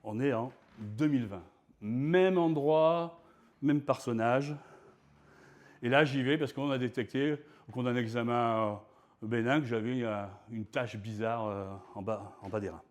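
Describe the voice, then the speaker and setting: A man giving a performed storytelling talk on stage, conversational and self-mocking, halting with restarts. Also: mid-range voice, fairly even intonation. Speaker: speaker. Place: stage before an audience.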